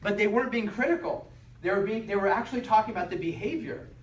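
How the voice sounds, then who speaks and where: A man's voice: high-pitched, fast talker. A man lecturing a class, checking in with "okay?" and acting out quoted lines. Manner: repeats "okay?" and acts out quotes. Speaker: teacher. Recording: roomy, from far off, some noise.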